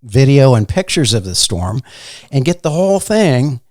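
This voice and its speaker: A man with a Midwestern accent, a meteorologist guest telling stories in a casual, unhurried way with many fillers. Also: mid-range voice, very animated, no room sound, clean studio sound. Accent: Midwestern American. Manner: soft-spoken, unhurried, fond of fillers. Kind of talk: casual interview storytelling.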